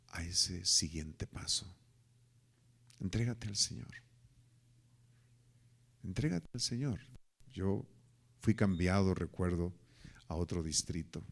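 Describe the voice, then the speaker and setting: A man preaching as a pastor, telling a story dramatically and acting out the voices of the people in it. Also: low-pitched. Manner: dramatic storytelling, acting out quoted voices, rising to near-shouting at climaxes. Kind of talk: sermon storytelling.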